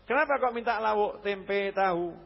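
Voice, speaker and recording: Male preacher, high-pitched, playful lecture; lo-fi reverberant hall. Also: unhurried, gravelly. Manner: jokey, swings from loud exhortation to low asides. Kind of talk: lively religious lecture. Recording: dull lo-fi hall recording.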